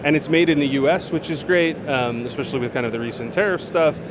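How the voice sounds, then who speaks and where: On a very noisy trade show floor, a product manager answers interview questions in a relaxed way. His voice is fairly high and fast, full of fillers and restarts.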